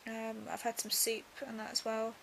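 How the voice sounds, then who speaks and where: Casting: young woman, very gravelly fry on a highish voice, drowsy post-surgery delivery, casual diary style. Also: monotone, normal speed, a little hiss or hum. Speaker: vlogger.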